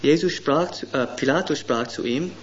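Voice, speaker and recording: A middle-aged man preaching a sermon, slow and deliberate, pushing up hard on key words. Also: a little high. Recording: dull lo-fi sound with faint background noise.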